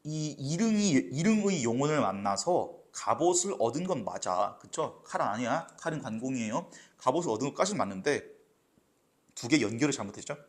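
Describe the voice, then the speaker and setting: A man's voice: medium pitch, sing-song, fairly quick. A man teaching literature for exams, explaining step by step and often checking with "right?". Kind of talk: exam lecture.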